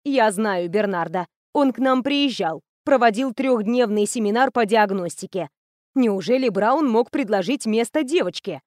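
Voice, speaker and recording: A woman voicing a calm, dignified older woman professor who speaks in a measured, gentle, authoritative way. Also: a little high, dry recording, clean studio sound, natural voice. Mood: skeptical.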